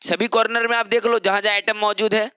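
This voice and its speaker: A man's voice: high-pitched, flat delivery, a little fast, sharp tone, smooth, dry recording. A young man teaching chemistry in an exam-prep lecture, explaining step by step and asking rhetorical questions that he answers himself.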